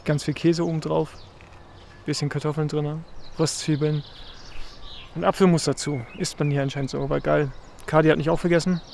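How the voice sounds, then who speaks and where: Male vlogger, slightly higher voice, easygoing rambling chat to camera, faint outdoor noise behind. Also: gravelly. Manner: relaxed, rambling, many filler sounds. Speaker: pro gravel cyclist vlogging a race trip. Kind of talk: casual vlog chat to camera.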